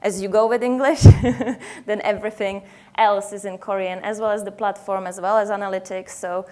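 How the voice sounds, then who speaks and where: A young woman with a Czech accent speaks to a conference audience. She talks in a halting way, with frequent fillers and restarts. Her voice sits at a middling pitch. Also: fairly even intonation, mellow. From Czech Republic. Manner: hesitant, many fillers and restarts. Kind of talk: conference presentation. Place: conference hall.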